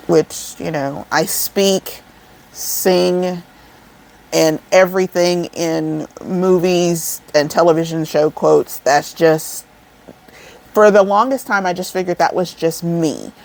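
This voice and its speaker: A woman in her forties rambles along in an easygoing vlog chat, calling her viewers y'all. Her voice sits a little low and carries a gravelly edge. She talks at an unhurried, slow pace. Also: a little mellow. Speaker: crochet vlogger. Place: indoors, seated over an air vent.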